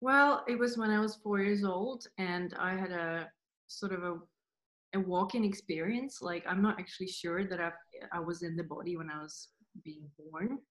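A woman guest in a casual spiritual interview, rambling with many "like" fillers and soft laughs. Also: fairly low pitch, normal speed. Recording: roomy echo.

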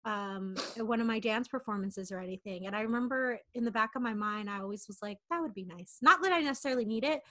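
A woman's voice: on the high side, fast, hardly any pauses, a bit bright. A woman in her twenties chatting candidly and rambling, with lots of fillers and restarts. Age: 20s. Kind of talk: casual chat.

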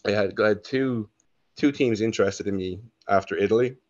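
A man's voice: lowish voice, brisk, darkish tone, no room sound. A young Irish man telling his story as a podcast guest, in a laid-back, rambling way that keeps correcting itself. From Ireland. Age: young adult. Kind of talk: casual interview storytelling. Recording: dull lo-fi dry sound.

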